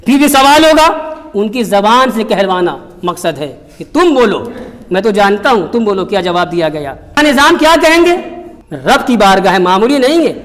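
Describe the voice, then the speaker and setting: A man giving a Quran commentary sermon, reciting Arabic verses slowly and then explaining them with patient repetition. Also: high-pitched, a bit bright. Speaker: Islamic preacher. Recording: long hall reverb.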